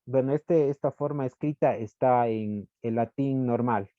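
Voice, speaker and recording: A man walks through a class presentation from slides, halting and hesitant as he searches for words. His voice sits in an ordinary middle pitch. The recording is dull and lo-fi, with a dry, close sound. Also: no echo.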